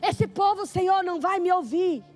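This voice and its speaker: A woman's voice: very high-pitched, normal speed, a little mellow, soft background music. A woman voicing Jeremiah as an anxious young man, whiny and pleading.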